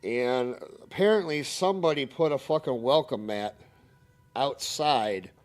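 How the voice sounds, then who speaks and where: A man's voice: mid-range voice, measured pace. A man telling a story on a stream in a casual, heated, profane ranting manner.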